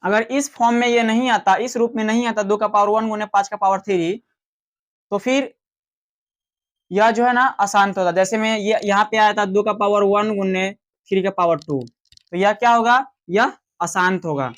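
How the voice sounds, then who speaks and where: Slow-explaining Hindi maths teacher, man. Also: sits high, steady tone, a bit bright. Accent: Bihari Hindi. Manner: slow, explanatory, asks questions and answers them himself. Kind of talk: classroom maths lecture.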